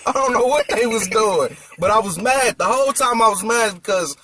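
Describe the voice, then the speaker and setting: A man's voice: high-pitched, expressive, normal speed, music in the background. A young man chatting casually beside his partner, laid-back and slangy.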